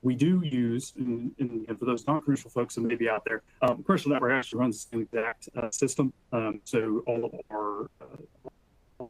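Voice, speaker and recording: A man speaking as a panel guest over a video call, his audio corrupted and cutting out, talking haltingly with many fillers and restarts. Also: mid-range voice, steady tone, no echo, poor audio. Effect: corrupted audio that keeps cutting out.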